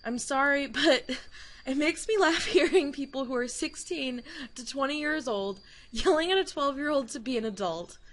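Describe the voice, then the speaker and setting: A woman's voice: high-pitched, moderate pace, fairly bright tone. A young adult woman giving a casual, digressive rant to camera, laughing mid-sentence and swearing now and then. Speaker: YouTuber.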